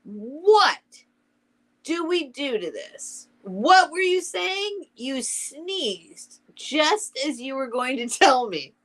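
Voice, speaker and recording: Woman as Pooh, high, lilting dreamy bear. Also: big pitch swings, very slow, fairly bright tone, full character voice. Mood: puzzled. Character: naive, dreamy little male toy bear, gently persistent.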